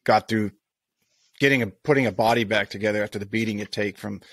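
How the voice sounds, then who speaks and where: A man hosts a golf podcast in a casual interview chat, his voice on the low side and quick. He talks in long, rambling sentences full of restarts and asides, with no room sound on the recording.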